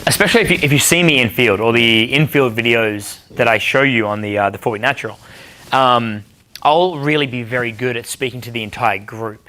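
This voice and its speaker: A young man leads a dating seminar with a bright, forward voice. He talks bluntly and swears freely, often acting out bar conversations. His pitch sits in an ordinary middle range. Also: brisk. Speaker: dating coach. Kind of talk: seminar talk answering questions.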